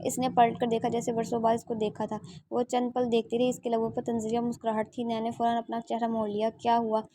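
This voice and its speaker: A woman reading a romance novel aloud as narrator, in a steady, low-key storytelling manner. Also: fast talker, slight background noise.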